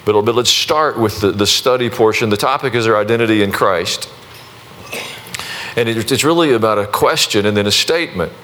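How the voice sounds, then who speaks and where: A pastor preaches to his congregation in a folksy, conversational manner, restarting often and using warm, self-deprecating humor before leading a prayer. His voice is lowish and a little fast.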